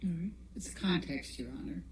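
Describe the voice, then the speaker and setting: Low-voiced woman lawyer questioning. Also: normal speed, crowd noise. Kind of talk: courtroom examination. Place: courtroom. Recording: echoey courtroom with faint room noise.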